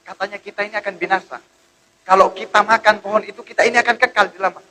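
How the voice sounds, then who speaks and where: A man's voice: sits high, fairly even intonation, fast talker, pushed and bright, voice pushed up, poor audio. A man voicing a sly male peacock who coaxes a friend into a plot. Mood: coaxing.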